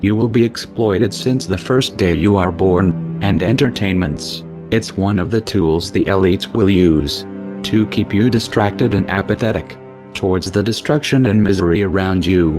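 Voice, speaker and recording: A man narrating a scripted warning message in a grave, ominous tone through a disguised, pitch-lowered voice, speaking straight to the listener. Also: moderate pace. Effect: disguised, pitch-lowered deep voice. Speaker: anonymous narrator. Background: music.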